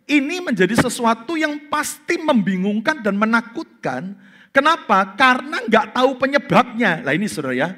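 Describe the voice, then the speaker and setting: A middle-aged pastor, preaching a lively sermon and acting out the voices of Bible figures. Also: male voice, on the high side.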